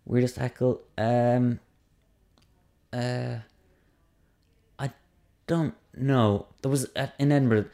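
A man's voice: medium pitch, fairly even intonation, takes it slowly, vocal fry, long pauses, warm tone. A man, a stand-up comedian, chatting casually on a podcast in a hesitant, self-deprecating way, often trailing off mid-sentence.

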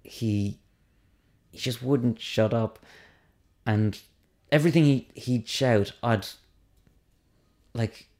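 A man's voice: medium pitch, slow pace, a little mellow. A man, a stand-up comedian, chatting casually on a podcast in a hesitant, self-deprecating way, often trailing off mid-sentence.

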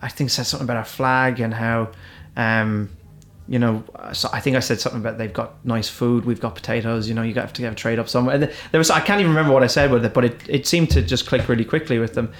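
A fast-talking Irish man with a mid-range, steady voice barely pauses as he chats casually. A stand-up comedian, he meanders through his tales with plenty of restarts.

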